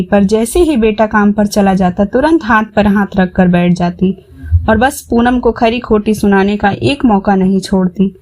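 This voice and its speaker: A woman narrating a family story in a steady storytelling voice. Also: medium pitch.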